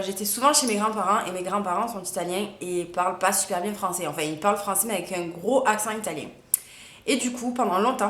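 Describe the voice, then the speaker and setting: Young female vlogger, casual and chatty, mid pitch, recorded in a reverberant room. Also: a bit bright. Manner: chatty, many fillers and hesitations. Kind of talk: casual chat to camera. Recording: echoey room.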